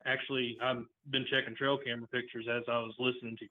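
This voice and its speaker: A man's voice: medium pitch, level tone, fast talker. A man from Virginia calling in to a show over a phone line, chatting in a casual, hesitant way. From Virginia, United States. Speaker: phone-in caller. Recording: narrow, tinny phone line.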